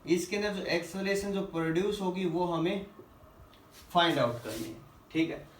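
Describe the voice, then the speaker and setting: Male teacher, high pitch, slow on English questions, echoey room with faint background hiss. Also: recorded from a distance. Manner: asks the class questions and answers them himself, calls students "beta"; reads English questions slowly, then explains in Hindi. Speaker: physics teacher. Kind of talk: classroom lesson, solving quiz questions. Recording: echoey room, voice a little off-mic.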